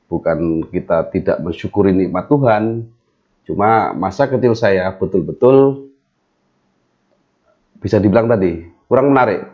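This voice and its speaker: A middle-aged man from Central Java, a guest in an interview, talking in a measured way with many hesitations. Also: sits low. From Temanggung, Central Java, Indonesia. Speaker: guest, business owner. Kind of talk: interview conversation. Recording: dull lo-fi audio.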